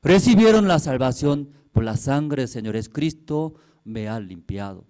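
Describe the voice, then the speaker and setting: Slow, animated preacher man. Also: mid-range voice. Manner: repetitive, with rhetorical questions and tag questions; slightly broken, non-native-sounding Spanish phrasing. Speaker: pastor. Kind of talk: sermon.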